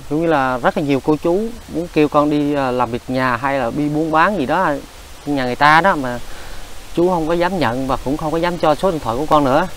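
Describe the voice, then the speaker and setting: A man's voice: fairly high pitch, fairly quick, a bit bright, a little hiss or hum, low-quality recording. A man hosting a charity vlog, talking with many hesitant fillers and polite address to viewers. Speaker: charity vlogger host. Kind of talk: casual vlog narration and chat.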